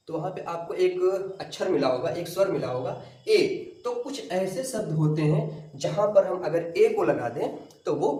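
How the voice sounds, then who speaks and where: A man's voice: on the high side, warm tone. Man teaching grammar in an echoey room. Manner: explains step by step, asks and answers own questions. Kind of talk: classroom lecture to exam students. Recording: roomy echo, from far off.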